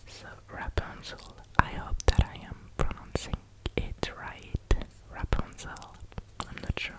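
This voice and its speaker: Hushed whispering, French accent, slow unhurried pace, ASMR storybook reading, careful pronunciation, close mic. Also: rough recording. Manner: careful, halting over difficult English words. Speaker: ASMR reader. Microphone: close microphone.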